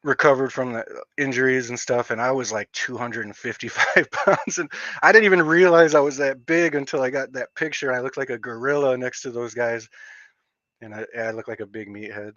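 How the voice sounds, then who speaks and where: A man hosting a casual livestream, rambling and excitable, with lots of filler words. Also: medium pitch, fairly quick, no room sound. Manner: rambling, excitable, heavy use of "like". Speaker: livestream host. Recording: dull lo-fi dry stream audio.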